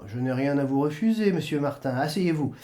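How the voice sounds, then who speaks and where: A man's voice: a little high, expressive, fairly quick, warm tone, lightly acted. A man reading aloud and voicing a jovial old male saint who keeps heaven's gate, hearty and welcoming.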